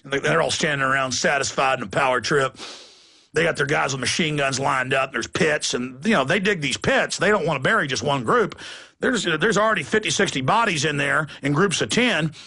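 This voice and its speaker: A man's voice: on the high side, moderate pace, vocal fry, sharp tone, slightly rough. A man hosting a talk show, ranting in an indignant, heated monologue and slipping into mocking voices. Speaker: radio host.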